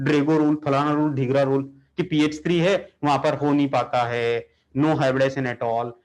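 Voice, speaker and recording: A man teaching chemistry in a theatrical, animated lecture, mixing Hindi and English and scolding orbitals as if they were lazy students. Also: on the high side.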